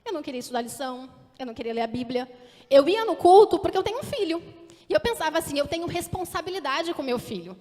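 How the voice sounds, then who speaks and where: A woman's voice: sits high, fast, dark tone. A Brazilian woman in her thirties, a teacher, giving an earnest sermon testimony and asking the congregation direct questions. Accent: Brazilian Portuguese. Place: church hall. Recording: echoey hall with long reverb.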